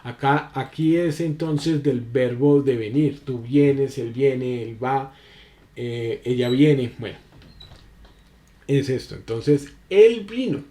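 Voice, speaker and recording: Mellow-voiced man teaching a spelling lesson. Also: medium pitch, steady tone. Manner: halting, many fillers and restarts.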